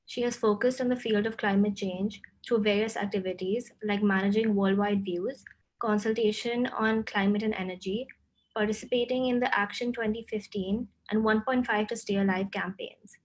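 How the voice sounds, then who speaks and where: A woman's voice: medium pitch, low-quality recording. A young woman moderating an online event, politely reading a guest's introduction with small slips.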